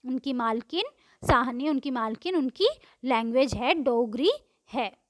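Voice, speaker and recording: A high-pitched woman teacher with lively intonation works through a poem one line at a time, with no room sound. She slowly reads the English, switches to Hindi to explain, and answers questions she raises herself.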